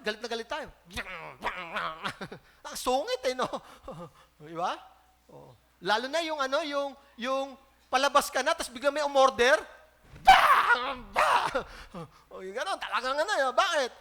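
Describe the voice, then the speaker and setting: A man with a Filipino accent preaching a sermon as pastor, animated and joking, acting out the voices he quotes. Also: very high-pitched. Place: church.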